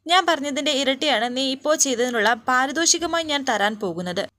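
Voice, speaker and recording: A scheming rich woman praises her helper with smug satisfaction , voiced by a woman narrator. The voice is high and bright. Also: lively intonation, fairly quick. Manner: smug, pleased. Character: scheming wealthy woman, gloating.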